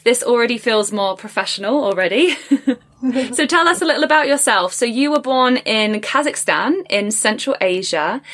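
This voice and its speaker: A woman's voice: on the high side, fairly bright tone. A British woman hosting a podcast interview, bubbly and curious, laughing often as she asks questions. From Britain. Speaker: podcast host.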